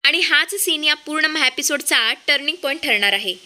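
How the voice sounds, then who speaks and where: A sharp, fearless young daughter-in-law, as a woman narrator puts her on, defiant and confrontational. High and bright, with a cutting edge. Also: expressive, normal speed, exaggerated voice.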